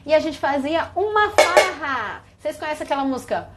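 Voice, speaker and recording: A high-voiced Brazilian woman teaching other teachers on a live stream. She talks animatedly as she shows props and breaks into little sung greetings. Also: expressive, brisk, heavy background noise. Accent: Brazilian Portuguese. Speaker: early childhood teacher.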